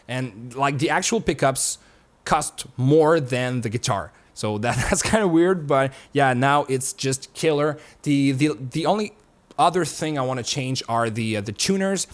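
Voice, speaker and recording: A young YouTuber with an everyday pitch chats to camera from his home studio in an unscripted talk with viewers. He is relaxed and loose, rambling from point to point and swearing casually now and then.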